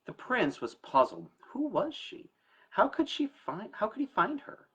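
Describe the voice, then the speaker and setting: Muffled and slightly rough, his voice is high-pitched and fairly bright, swinging hugely in pitch at an unhurried pace. The man is an estate planning attorney hosting a story time show, explaining things to camera in a casual, emphatic way.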